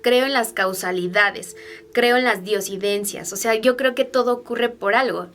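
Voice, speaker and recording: A woman's voice: a little high, moderate pace, fairly bright tone, a little hiss or hum. Chatty young woman vlogger. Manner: chatty, with frequent fillers and asides to viewers. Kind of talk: personal storytelling to camera.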